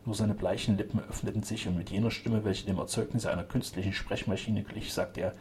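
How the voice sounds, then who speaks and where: A man's voice: lowish voice, slight background noise. Man reading an adventure novel aloud. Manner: steady, measured narration. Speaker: audiobook reader.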